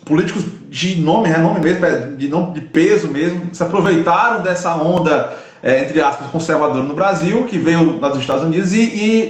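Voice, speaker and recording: A man, a pastor hosting an interview, who asks long, searching questions and often restarts his phrases. His voice sits somewhat high for a man and carries the echo of a roomy space. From Northeast Brazil.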